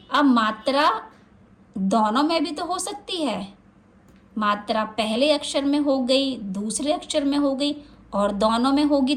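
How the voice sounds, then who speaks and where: A woman teaching a children's spelling lesson, sounding out syllables slowly and asking the viewer questions as she goes. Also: high-pitched. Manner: slow, drawn-out syllables for pronunciation practice.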